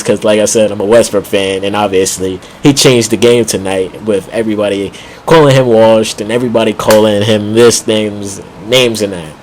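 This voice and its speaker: There's a bit of hiss or hum behind this man's lowish voice as he offers rambling, slangy basketball commentary for a casual vlog. Fillers like "like" pile up, and he keeps breaking into short chuckles.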